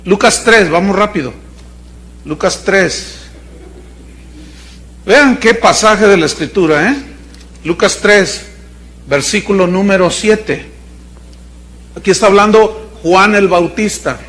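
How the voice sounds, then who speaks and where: A man's voice: high-pitched, slow pace, long pauses, fairly bright tone. A man with a Mexican accent preaching a sermon in a chatty, storytelling way, often checking in with his listeners. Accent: Mexican Spanish.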